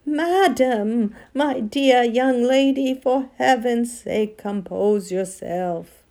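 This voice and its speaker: A woman voicing a frightened, pompous old gentleman magician in an audiobook, trembling, wailing and full of self-pity. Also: on the high side, takes it slowly, pitched above the performer's own voice. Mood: trembling alarm. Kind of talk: audiobook character acting.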